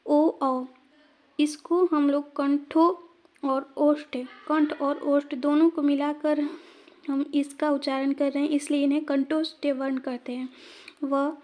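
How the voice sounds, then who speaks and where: A woman teacher leads an exam-prep lesson, sounding out letters one by one and asking viewers to say them aloud. Her voice sits high, her pace is slow and measured, and her tone stays even with little rise and fall.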